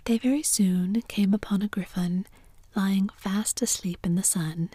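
A woman reading a storybook aloud in a steady whisper, ASMR style. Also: medium pitch, measured pace, breathy edge, dry recording.

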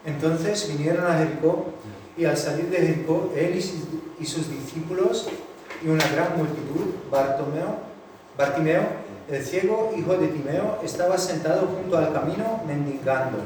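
A man reading a scripture passage aloud in church, steady with small slips. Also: a little high, normal speed, a little hiss or hum. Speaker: scripture reader. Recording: echoey hall, mic from a distance.

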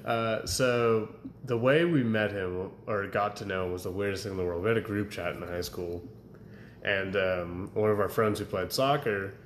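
A man's voice: on the low side, a bit bright. A young man chatting casually as a podcast co-host, rambling through stories and laughing often. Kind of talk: casual chat. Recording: echoey room with faint ambient noise.

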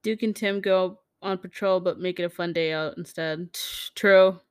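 A podcast host reads out fan comments in a loose, casual chat, cursing freely, laughing often and acting out the quoted characters in jumped-up voices. Her lowish voice is clear and resonant, with a steady tone and moderate pace. The studio sound is clean, with no echo.

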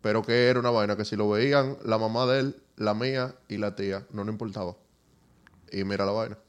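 A young man with a Dominican Spanish accent, co-hosting a podcast and chiming in with wry quick stories. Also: lowish voice, fairly even intonation, clean tone. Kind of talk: casual chat.

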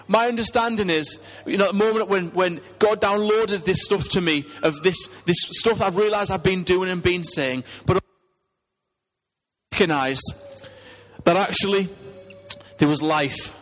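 A man with a Teesside English accent delivers a sermon in a conversational, earnest way. His voice sits high for a male speaker, and he often turns to the congregation with rhetorical questions. The sound carries the long reverb of a hall. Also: a bit bright. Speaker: preacher.

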